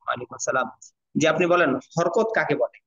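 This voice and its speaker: A man teaching a Quran reading class, slowly drilling letter sounds for his students. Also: on the high side, gravelly, fairly bright tone, breathy edge. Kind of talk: online class lesson. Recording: dull lo-fi audio.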